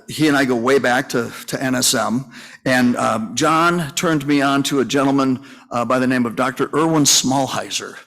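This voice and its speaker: A man's voice: medium pitch, a bit bright. Rambling folksy man in his sixties. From Minnesota, US. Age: 60s. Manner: folksy, rambling storytelling with many fillers and restarts. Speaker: funeral home owner and conference speaker. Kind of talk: conference breakout talk. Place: conference session room.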